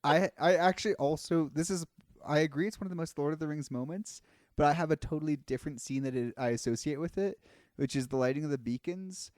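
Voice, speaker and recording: A man guesting on a podcast, laid-back and casual, swearing freely in relaxed chat. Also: on the high side, quick pace, no room sound, studio quality. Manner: laid-back, swearing, lively and laughing easily.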